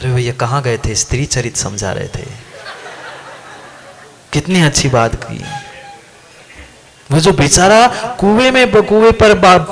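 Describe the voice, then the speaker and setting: High-pitched guy preaching, tells a story, keeps asking the crowd stuff. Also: slow, pauses often, a little hiss or hum. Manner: animated, asks the listeners questions. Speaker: Jain monk preacher. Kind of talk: storytelling sermon.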